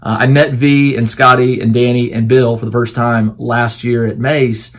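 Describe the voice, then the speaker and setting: Crafting channel guy doing a q&a, lots of ums and restarts, voice getting a bit tired, middle pitch. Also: level tone, normal speed. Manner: rambling, with many fillers and restarts. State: voice starting to wear out. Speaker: host of a tabletop crafting channel. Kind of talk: casual Q&A chat to camera.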